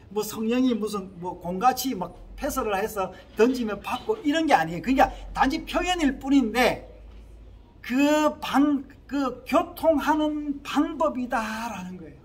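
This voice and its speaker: A man's voice: extremely high pitch, slight background noise. A man from the Gyeongsang region with a Gyeongsang accent, preaching a sermon as a pastor in his small church and often asking the congregation questions. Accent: Gyeongsang Korean. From Gyeongsang region, Korea. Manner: earnest preaching with frequent rhetorical questions to the congregation. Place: Korea-linked small church abroad.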